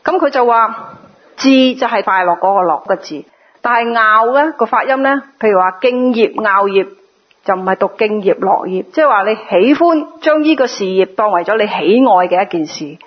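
A woman teaching a Buddhist sutra in a sermon, explaining patiently and now and then mimicking others in a lively voice. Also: fairly high pitch, normal speed, slightly rough, dull audio.

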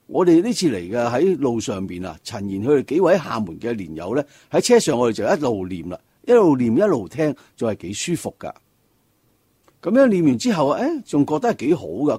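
A man, a Buddhist monk, giving a slow and deliberate dharma talk that explains how to recite. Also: medium pitch, mellow, breathy edge, no room sound, clean studio sound.

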